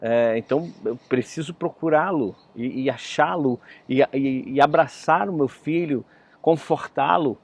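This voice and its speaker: Guy doing a loving dad voice, earnest, bit gravelly. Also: medium pitch, a little slow. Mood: worried, tender. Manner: earnest, caring. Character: worried, loving father searching for his son.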